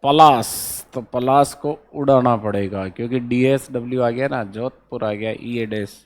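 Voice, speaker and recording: A medium-pitched male teacher takes his time in a classroom lecture for exam preparation, spelling out memory codes letter by letter. He checks in with his students repeatedly and goes over key points more than once.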